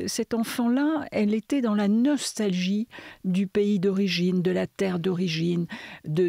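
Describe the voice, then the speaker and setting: A woman in her seventies with a Parisian French accent, speaking as a writer in a thoughtful, measured interview with many hesitations. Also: on the low side, creaky, dark tone, no room sound, studio quality. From southern France, Catalan area. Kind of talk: reflective conversation.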